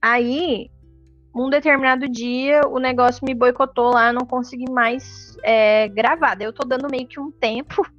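A woman's voice: high voice, fairly even intonation, normal speed, a bit bright, lo-fi sound, soft background music. A woman hosting a solo podcast, talking in a casual, reflective way with many fillers. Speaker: podcast host.

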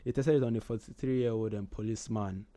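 A man's voice: on the low side, fairly even intonation, fast talker, warm tone. A man co-hosting a casual history talk, often hesitating and repeating words as he thinks. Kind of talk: casual radio history chat.

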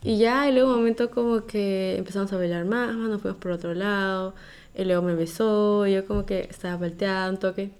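A woman's voice: brisk, clear, resonant tone. A young Peruvian woman with a Peruvian accent, casually telling a personal story and acting out the quoted lines with a rising voice. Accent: Peruvian Spanish. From Peru. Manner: lively, acts out quoted lines with rising pitch. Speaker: podcast storyteller.

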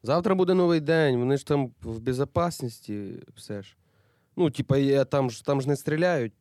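A man voicing a hardened, cynical young soldier in a hospital audio drama, blunt and defiant. His tone is dark and mellow, recorded dry and close. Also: medium pitch, animated, normal speed, no echo, natural voice. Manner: brusque, dismissive, slangy.

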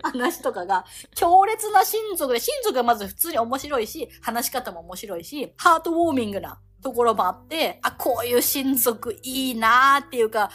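A woman from Hiroshima with a Kansai-influenced accent, co-hosting a podcast and telling stories in a quick, laughing way. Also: on the high side, soft background music. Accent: Kansai-influenced Japanese. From Hiroshima, Japan. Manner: animated storytelling, quick and laughing. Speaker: podcast co-host. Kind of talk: casual chat.

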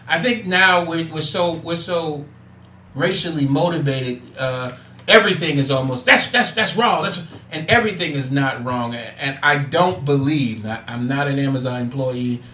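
A man's voice: medium pitch, normal speed, a bit bright, a little hiss or hum. A man hosting a casual talk show who gets preachy and hammers his points with repeats. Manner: preachy, building to emphatic repeats. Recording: echoey room.

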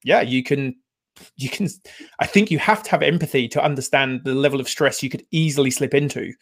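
A man's voice: medium pitch, fairly quick. Chatty middle-aged male podcast host. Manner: chatty, animated storytelling with filler words. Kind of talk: casual podcast conversation.

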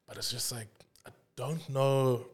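A man's voice: mid-range voice, fairly even intonation, measured pace. A young South African man, a podcast guest, chatting in a laid-back way, laughing often and trailing off mid-sentence. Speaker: guest, illustrator and art director. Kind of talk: casual podcast chat.

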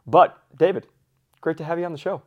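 A man's voice: fairly high pitch, steady tone, fairly quick, phone-quality sound. A man hosting a podcast in casual talk, pronouncing his r sounds like w. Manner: says w for r. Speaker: podcast host.

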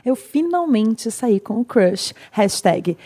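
A Brazilian woman co-hosting a casual podcast, slightly hoarse, lively and giving advice, reading listener letters aloud. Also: a little high, slow pace. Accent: Brazilian Portuguese. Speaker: podcast co-host.

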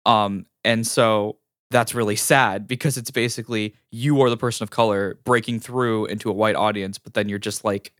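A man's voice: on the low side, steady tone, moderate pace, a bit bright, dry recording, clean studio sound. A man co-hosting a casual podcast, telling stories animatedly and laughing often. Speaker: podcast co-host. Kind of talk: casual chat.

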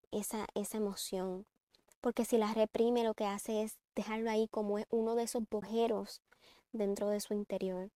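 A woman's voice: fairly high pitch, dry recording. A woman giving earnest parenting advice in a reflective talk. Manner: earnest, advising, shifts between calm and emphatic. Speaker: parenting speaker.

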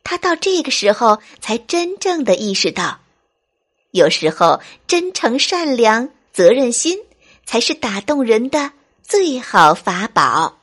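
A woman tells a children's bedtime story in a gentle, expressive cadence. Her voice sits fairly high and swoops widely through each line. She takes it slowly, with a soft breathiness. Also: breathy edge.

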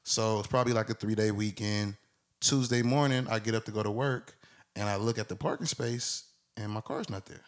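A man in his twenties, a podcast co-host, telling a long story in a casual, animated way and acting out the people in it. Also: fairly low pitch, a little fast.

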